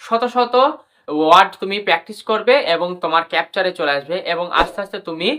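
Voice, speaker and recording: A woman's voice: lowish voice, fast, a bit bright, slight background noise. A woman teaching English pronunciation in a lesson, spelling out letters, drilling words and repeating each rule. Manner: repeats rules, addresses viewers as brother and sister. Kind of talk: classroom lesson explaining rules.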